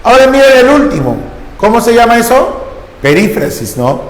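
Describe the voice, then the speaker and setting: Man teacher, high voice, prods the class with questions, long classroom reverb. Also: big pitch swings, normal speed. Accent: Peruvian Spanish. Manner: questioning, coaxing students with repeated prompts. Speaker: language teacher. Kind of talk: classroom grammar lesson.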